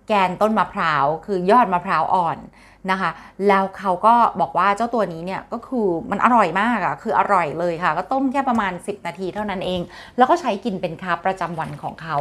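A woman talking straight to her viewers in an easy, chatty way. She explains things step by step, mid-pitched, and keeps the talk flowing with polite little tags. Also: a bit bright. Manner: chatty, polite particles, refers to herself by nickname. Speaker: health talk host.

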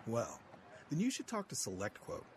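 A man playing a persuasive, helpful insurance pitchman in a commercial, with an upbeat, salesy delivery. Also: huge pitch swings, moderate pace, noisy background.

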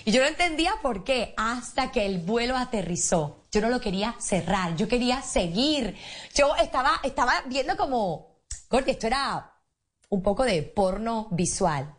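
A woman telling a story in a casual chat, animated, acting out quotes and laughing often. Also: a little high, normal speed.

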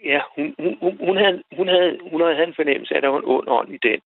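A man calling in to a radio show, telling a personal story in a halting way, repeating words as he goes. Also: a little high, vocal fry, dry recording. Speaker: radio caller. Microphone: telephone. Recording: tinny phone line, dry.

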